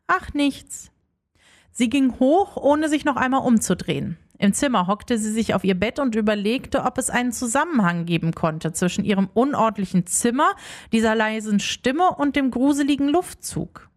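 A woman reads a children's story aloud with an expressive delivery. Her voice is fairly high and moves through a wide, lively range. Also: moderate pace. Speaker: narrator. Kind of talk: storybook reading.

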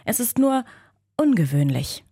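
A woman voicing a cheerful mother in a children's story, with a warm, upbeat manner. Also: a little high, big pitch swings, measured pace, slightly rough, no echo, clean studio sound, voice pushed up, heavily acted.

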